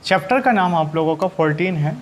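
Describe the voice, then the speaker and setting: Brisk and expressive, this man's fairly high voice carries a maths lesson for schoolchildren. He speaks with a Hindi accent, answers his own questions, repeats himself constantly and keeps calling the students "children."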